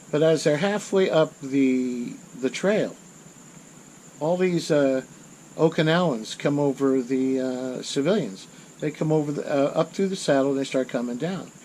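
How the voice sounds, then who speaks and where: A man's voice: mid-range voice, darkish tone, a little hiss or hum, low-quality recording. A middle-aged man telling a war story in a rambling, self-correcting way. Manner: rambling, self-correcting, rises in intensity at dramatic moments. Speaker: channel host. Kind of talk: casual storytelling monologue.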